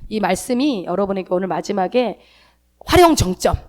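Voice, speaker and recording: A woman pastor giving a sermon in a church, talking in a chatty, animated way with homely asides. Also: medium pitch, brisk.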